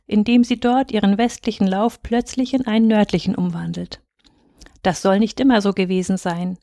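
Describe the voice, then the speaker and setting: A woman reading a fairy tale aloud in calm, measured scripted narration. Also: medium pitch, dry recording, studio quality. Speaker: reader.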